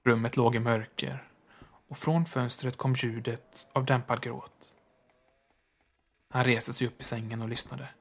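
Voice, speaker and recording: A man narrating a horror story in a measured, hushed manner. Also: medium pitch, fairly even intonation.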